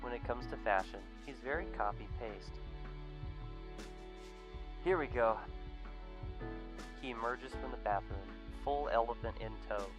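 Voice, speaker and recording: Brief: male reader, first-person visual novel narration, mid-pitched, reflective and even-paced. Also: a little slow, long pauses, music in the background, rough recording. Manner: reflective, steady storytelling.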